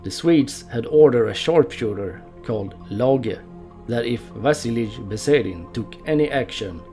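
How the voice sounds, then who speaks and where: A man's voice: lowish voice, a little mellow. A man narrating a history documentary, telling the story in an amused way and laughing now and then.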